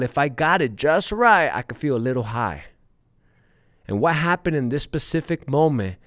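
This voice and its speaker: A man's voice: lowish voice, no echo, studio quality. Candid, swearing man telling his story. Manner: candid, profane, addresses listeners as guys. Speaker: podcast host. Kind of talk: personal storytelling to listeners.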